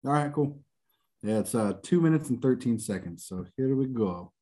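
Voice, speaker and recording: Relaxed man host on a video call. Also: medium pitch, normal speed. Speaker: podcast host. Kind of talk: casual chat.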